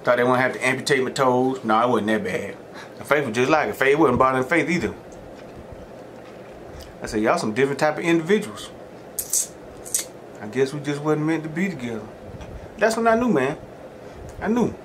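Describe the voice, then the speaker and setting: A man's voice: mid-range voice, animated, normal speed, pauses often, fairly bright tone, a little hiss or hum. A middle-aged man with a Southern US accent chatting casually between mouthfuls as a mukbang host, in a folksy, rambling storytelling way. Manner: talks between mouthfuls of food. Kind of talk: casual chat while eating.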